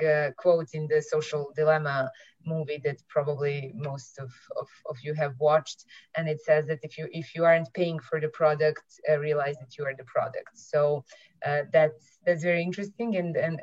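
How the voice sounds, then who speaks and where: A woman's voice: deep voice, darkish tone, dry recording, highs cut off. A woman from Serbia with a Serbian accent, a marketing entrepreneur giving a hesitant opening statement on an online panel, full of fillers and restarts.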